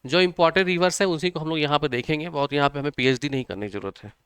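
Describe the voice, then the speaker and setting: A man teaches a live online geography lesson for exam preparation, repeating key points and checking that students can follow. His voice is smooth and resonant. It is recorded dry and close. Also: fairly high pitch, racing, fairly bright tone, no echo. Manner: repetitive, checks on students, uses memory tricks.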